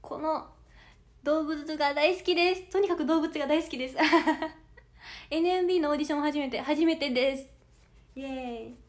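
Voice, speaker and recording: A giggly young woman in her early twenties with a soft Kansai lilt chats on her livestream. Her voice sits high and bright with youthful energy, and she breaks into laughter between reading fans' comments aloud. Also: normal speed. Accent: Kansai Japanese. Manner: bubbly and giggly, with frequent laughter. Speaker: idol audition candidate livestreaming. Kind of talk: casual livestream chat reading viewer comments.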